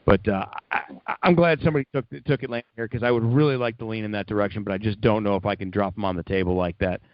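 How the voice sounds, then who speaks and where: A low-voiced man rattling along fast on a casual sports talk show, trading brash, profane banter with the others. The sound is dry and dull, like a lo-fi recording. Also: no room sound.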